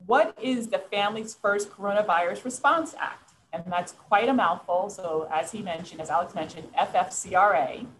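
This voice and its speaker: A woman's voice: mid-range voice, normal speed, hardly any pauses, rough recording. Brooklyn-accented woman hosting, with background noise. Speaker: webinar host and moderator. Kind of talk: moderated webinar questions.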